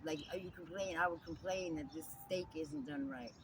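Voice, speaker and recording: Her voice is lowish and her speed normal, with a crowd audible behind her. This middle-aged New Jersey woman chats candidly and animatedly in an interview, calling the listener "girl," recorded on a distant mic amid loud outdoor noise.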